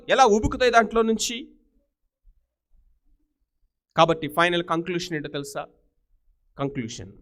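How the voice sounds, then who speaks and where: A man's voice: on the high side, a bit bright. A man preaching a sermon, asking his listeners rhetorical questions and mixing English words into his talk.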